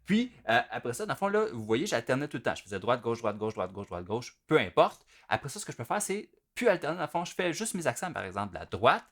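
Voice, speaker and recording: A man giving a relaxed, conversational drum lesson, full of fillers. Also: a little high, quick pace, hardly any pauses. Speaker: drum teacher. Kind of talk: casual spoken instruction. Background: drum playing.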